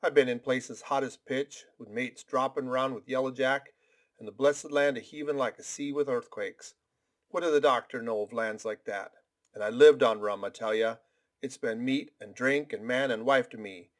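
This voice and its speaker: A man voicing a sick, desperate old sea captain who pleads and curses in rough sailor talk. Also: mid-range voice, steady tone, normal speed, natural voice. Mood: blustering.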